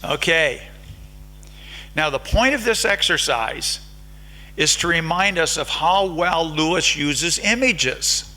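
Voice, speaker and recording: An American man with a bright, forceful, slightly high voice delivers an academic conference lecture. He keeps the room involved by polling the audience with questions. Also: animated, takes it slowly, low-quality recording. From United States. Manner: engaging, polls the audience with questions. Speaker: conference speaker. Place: lecture hall.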